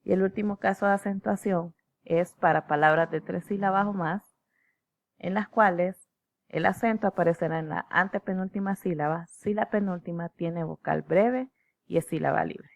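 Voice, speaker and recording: A woman teacher, explaining slides in a measured lecture, checking in with her students as she goes. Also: fairly low pitch, vocal fry, dry recording.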